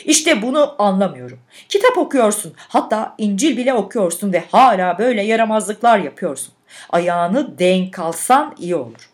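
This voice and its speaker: A woman's voice: medium pitch, big pitch swings, normal speed, natural voice. Woman doing a stern reproachful workshop clerk. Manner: raised, reproachful voice.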